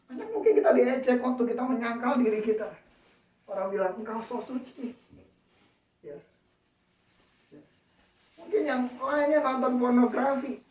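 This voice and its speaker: A woman's voice: on the high side, animated, moderate pace, pauses often, a little mellow. A woman preaching a sermon. She keeps saying "ya" and calling out to the congregation as she speaks. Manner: repeats "ya" and "saudara", calls out to the congregation. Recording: echoey, distant, dull church recording.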